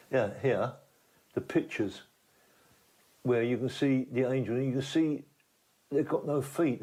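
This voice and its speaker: A man's voice: medium pitch, a little mellow, rough recording. A man speaking as a spiritual healer, explaining things to a camera in unscripted talk.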